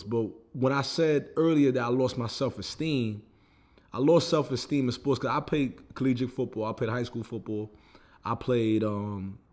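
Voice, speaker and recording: Speaking straight to camera, a young American vlogger shares his personal setbacks at a mid-range pitch with a darkish tone. His storytelling is loose and conversational, full of restarts and fillers such as "you know what I mean."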